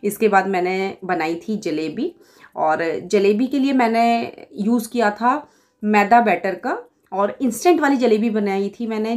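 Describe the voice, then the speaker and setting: A woman's voice: mid-range voice, a little mellow. Indian woman chatting through a home recipe. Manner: chatty step-by-step explaining with fillers. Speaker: cooking vlogger. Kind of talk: casual recipe voice-over.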